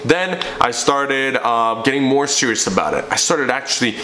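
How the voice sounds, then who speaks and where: With lively intonation and a pushed, bright sound, a young fitness coach narrates his personal journey at a moderate pace from his living room. His voice is mid-range and his manner emphatic, even preachy, as he sits framed before the camera in an echoey space with faint ambience.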